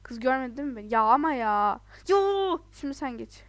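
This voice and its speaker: Excitable higher-voiced woman gamer. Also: a little fast, no echo. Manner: chatty and excitable, often laughing and exclaiming in frustration. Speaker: let's play gamer. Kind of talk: casual gameplay commentary.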